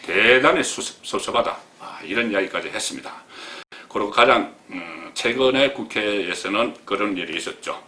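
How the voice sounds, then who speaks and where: A man's voice: fairly low pitch, moderate pace, pushed and bright, roomy sound. A man hosting a solo political commentary show, talking emphatically and acting out quoted remarks with a raised voice.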